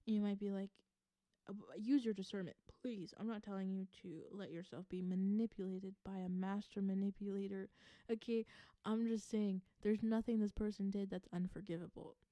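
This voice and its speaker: Speaking at a moderate pace with fairly even intonation, a tarot reader from the American South delivers an intuitive reading to viewers. Her mid-range voice carries earnest advice, repeated phrases for emphasis, and soft laughter, and there's no echo.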